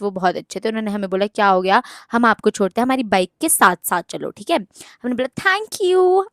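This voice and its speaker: A young woman vlogger telling a story in a casual, animated way, mixing in English words and swearing. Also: mid-range voice, no room sound, clean studio sound.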